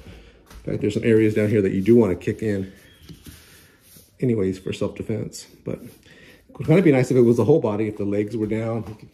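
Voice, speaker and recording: A man's voice: lowish voice, dark tone. A middle-aged man casually reviewing a product at home, rambling with many restarts and repeated words, recorded on a handheld phone. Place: home practice room. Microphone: handheld phone camera.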